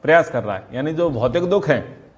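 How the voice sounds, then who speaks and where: A man teaching a class on Vedic philosophy, asking questions and answering them himself, and stretching key terms slowly for emphasis. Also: a little high, animated, lo-fi sound. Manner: asks and answers his own questions. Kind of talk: classroom lecture.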